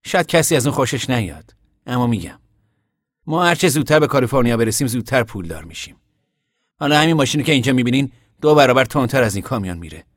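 A man voicing a steady, practical young man who lays out plans in an audiobook reading. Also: mid-range voice, no echo, clean studio sound, voice pushed up, close to an everyday voice. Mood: explaining. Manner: level-headed, explaining plans. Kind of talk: audiobook character voice.

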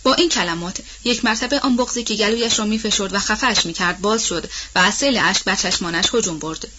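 Bright-voiced woman narrating a novel. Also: mid-range voice, slightly rough, lo-fi sound. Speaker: audiobook narrator.

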